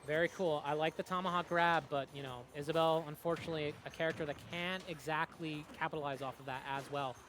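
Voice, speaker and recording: A young man doing live play-by-play commentary on a fighting game tournament, excitable, with lots of fillers and quick reactions. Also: on the high side. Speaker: esports commentator. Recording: music playing behind.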